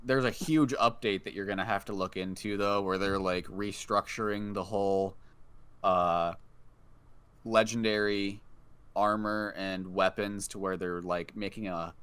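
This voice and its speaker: Low, smooth-voiced man talking games. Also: fairly even intonation, measured pace, a bit bright. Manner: enthusiastic, rambling, full of fillers. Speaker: podcast co-host. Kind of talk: casual gaming chat.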